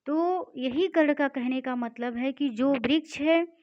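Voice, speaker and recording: A woman's voice: sits high, unhurried. A woman teaching a Sanskrit lesson. She reads each line of the text and then explains it in simple words. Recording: dull lo-fi recording.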